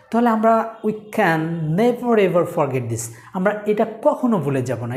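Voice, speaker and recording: Woman, English teacher, slightly low voice, reads each example slowly, keeps asking "right?", echoey room. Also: darkish tone. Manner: reads English sentences slowly, then explains in Bengali; often asks "right?" to check understanding. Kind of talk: spoken English lesson.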